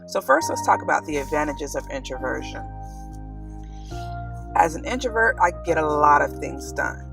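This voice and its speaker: Southern woman, kindergarten teacher vlogging, earnest and reflective, creaky edge to her voice, picked up from a way off over clear music. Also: deep voice, fairly bright tone, recorded from a distance. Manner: earnest, reflective, with frequent ums. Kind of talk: casual talk to camera. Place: outdoors in a public park.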